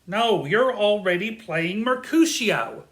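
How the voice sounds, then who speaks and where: A woman voices an earnest, somewhat bossy amateur theatre director in a comedic audio drama, announcing things deliberately with an officious air. Her pitch is medium and her delivery expressive.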